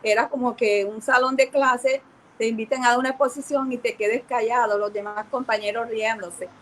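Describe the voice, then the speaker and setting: A middle-aged woman pastor giving a personal testimony in an earnest, halting way, with many restarts and repeated words. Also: a little high, steady tone, fairly bright tone, slight background noise, rough recording. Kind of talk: personal testimony to an online audience.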